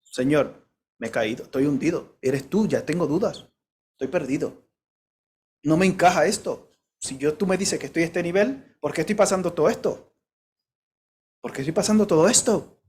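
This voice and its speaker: Casting: a preacher doing a doubting prophet in prison, a grown man asking in anguish, higher-pitched voice. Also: animated, normal speed, pauses often, darkish tone, slightly rough. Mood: despairing. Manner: anguished questioning.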